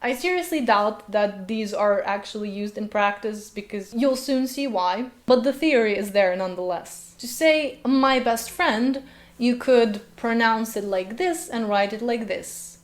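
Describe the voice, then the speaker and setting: This is a video host and linguist, a Slovenian-speaking woman with a slightly high voice who takes her time. Her commentary vlog is sarcastic and packed with rhetorical questions.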